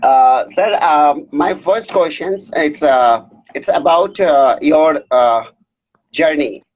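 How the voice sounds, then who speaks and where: A young man hosting a live online interview, effusive and halting, mixing English and Hindi with many hesitations. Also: on the high side, dull audio. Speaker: interview host.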